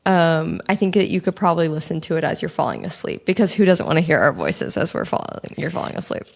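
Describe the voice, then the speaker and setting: A young adult woman co-hosting a casual chat podcast, talking in a calm, relaxed, slightly monotone way with a little vocal fry. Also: low-pitched, fast talker. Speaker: podcast co-host.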